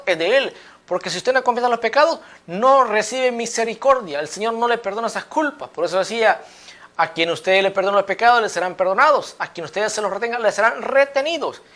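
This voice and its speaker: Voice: medium pitch, fairly bright tone. Emphatic preacher firing rhetorical questions. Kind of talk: apologetics sermon video.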